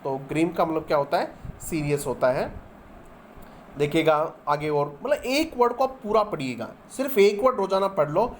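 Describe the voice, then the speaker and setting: A man's voice: on the high side, lively intonation, moderate pace, slight background noise. A man teaching English vocabulary, explaining each example in Hindi and spelling words out letter by letter. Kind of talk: vocabulary lesson.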